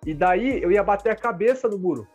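A young man from Brazil telling a football brawl story on a casual podcast. His voice is fairly high and his words rush out quickly, full of slang. Soft music plays underneath. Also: slightly rough. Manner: animated, slangy, lots of "mano". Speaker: podcast co-host.

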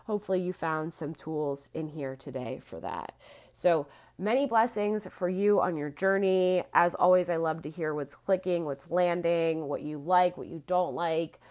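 A woman's voice: on the low side, normal speed, a little mellow. Laughing, chatty woman podcast host. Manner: laughs often, swears casually, talks with many likes. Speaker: podcast host and wellness coach. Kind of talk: casual solo podcast talk.

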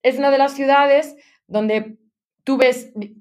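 A woman's voice: sits high, fairly even intonation, takes it slowly, a little mellow. Spanish woman in her thirties. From Spain. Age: 30s. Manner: chatty, mixes English business terms. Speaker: guest. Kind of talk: conversational interview. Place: London.

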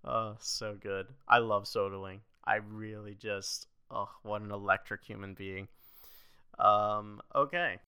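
A young man co-hosting a podcast, chatting casually and excitably, with lots of "like" and frequent laughs. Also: on the low side, unhurried, smooth, no echo. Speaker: podcast co-host.

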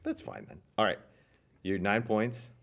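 Man, very low voice, casual church podcast host, playful quizmaster, reads quotes slowly. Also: sing-song, vocal fry, fairly bright tone. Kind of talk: casual chat.

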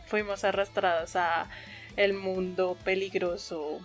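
A woman's voice: medium pitch, little pitch movement, takes it slowly, faint music behind. A woman with a Colombian accent chatting casually as a podcast host, with a cute, playful, giggly anime-fan manner. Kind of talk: casual chat.

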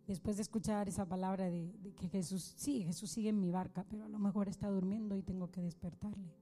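A woman's voice: medium pitch, steady tone, fast, dark tone, soft background music. A woman preacher giving a sermon in a conversational way, asking rhetorical questions and building to fervent appeals.

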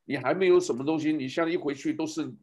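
A man's voice: a little high, fast, a little mellow. A man giving a rambling casual commentary, speaking to his listeners and asking them one rhetorical question after another.

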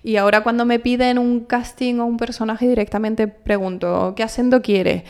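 A young adult actress from the Canary Islands, Spain, chats as a guest in a casual interview, speaking expressively and thoughtfully with frequent restarts. Her voice is a little high, steady and clear, with a darkish, resonant tone at normal speed.

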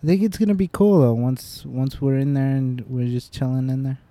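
Mellow-voiced young man, laid-back. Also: mid-range voice, brisk, no echo. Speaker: podcast co-host. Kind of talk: casual chat.

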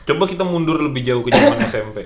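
Young man, blunt casual chatter; somewhat high voice, roomy echo, crowd noise behind. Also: lively intonation, very fast. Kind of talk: casual chat.

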